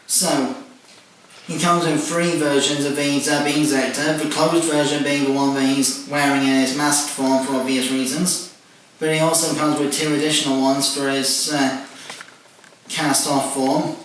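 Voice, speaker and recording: Flat-voiced man in an echoey room. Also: a little high, a little slow. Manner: methodical, listing details with "and whatnot". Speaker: toy reviewer. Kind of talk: casual toy review walkthrough. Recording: very echoey room, distant mic, faint noise.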